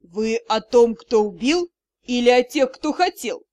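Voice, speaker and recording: A woman voicing a brash, cheeky male dragon in an audiobook, loud, teasing and mock-innocent. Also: high-pitched, expressive, a little slow.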